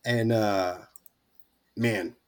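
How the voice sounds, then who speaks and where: A man's voice: fairly low pitch, fairly even intonation. Rambling male podcast guest. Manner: rambling, halting, with many restarts. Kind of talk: casual chat.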